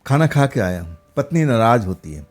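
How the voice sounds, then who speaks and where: Guy narrating a horror tale, kinda rambly with fillers, medium pitch, faint music behind. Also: big pitch swings, brisk. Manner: loose, rambling delivery with fillers and restarts. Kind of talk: first-person spoken horror storytelling.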